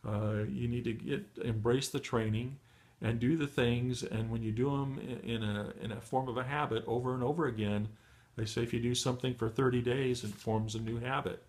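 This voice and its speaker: A middle-aged man giving a motivational training talk to beginners, encouraging and full of fillers and restarts, his voice going hoarse. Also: mid-range voice, fairly even intonation, moderate pace, darkish tone. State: losing his voice. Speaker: online marketing trainer.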